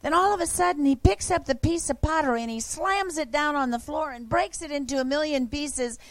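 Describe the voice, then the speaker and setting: A woman preacher telling a testimony in a sermon, animated, moving from hushed to loud and excited. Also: high voice, brisk, no room sound.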